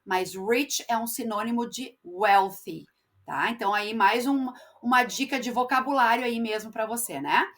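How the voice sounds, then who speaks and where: A woman English teacher gives a step-by-step classroom explanation, stretching out example words as she goes. Her voice is fairly high and fairly bright at a moderate pace, and she often checks in with her students using tags like "tá?" and "né?".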